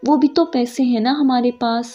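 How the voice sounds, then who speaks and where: A woman voicing a gentle, devoted young wife who soothes her husband with soft, affectionate words. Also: high-pitched, fairly even intonation. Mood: loving reassuring. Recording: muffled audio with soft background music.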